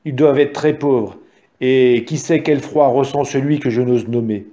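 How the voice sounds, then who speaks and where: A man voicing a humble, kind-hearted shepherd in a storybook reading, speaking with gentle, earnest pleading. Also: mid-range voice, fairly even intonation, normal speed, close to an everyday voice.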